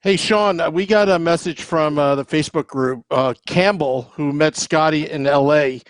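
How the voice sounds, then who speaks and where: A man's voice: a little high, normal speed, smooth, no room sound. A man hosting a podcast, reading out listener messages in an upbeat way with many fillers. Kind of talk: casual podcast chat.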